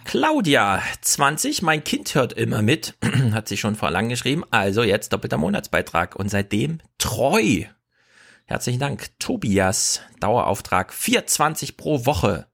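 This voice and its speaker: A man hosting a podcast in casual chat, reading out listener donations with wry, quick asides. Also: mid-range voice, big pitch swings, vocal fry, fairly bright tone. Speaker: podcast host.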